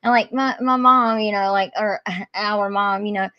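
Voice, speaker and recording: A woman with a deep Southern US accent, chatting casually and earnestly on a live stream as a channel creator. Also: fairly even intonation, moderate pace, highs cut off.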